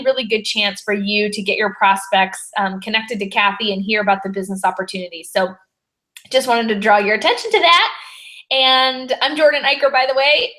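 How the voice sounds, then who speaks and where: A woman's voice: on the high side, pushed and bright. A woman hosting a weekly video-call training session, chatty and friendly, rambling with fillers. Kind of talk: upbeat training webinar hosting.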